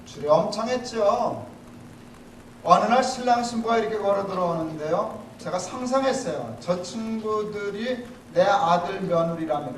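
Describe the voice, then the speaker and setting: A man, a pastor, preaching a sermon in a lively storytelling way with humor, in a church. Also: a little high, a little hiss or hum. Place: church sanctuary. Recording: echoey hall, mic from a distance.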